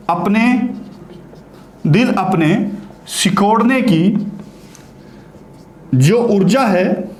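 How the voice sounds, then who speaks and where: A man teaching a lesson who keeps asking questions and answering them himself, with a Haryanvi Hindi accent. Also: sits high. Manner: asks and answers his own questions. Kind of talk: classroom lecture. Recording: echoey room.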